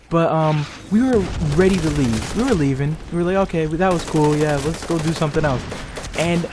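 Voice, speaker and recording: A young man spins a rambling, profanity-laced story with lots of restarts and fillers. His voice sits a little higher than most men's. A faint hiss of noise runs under the recording. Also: darkish tone. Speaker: channel creator. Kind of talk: casual storytelling.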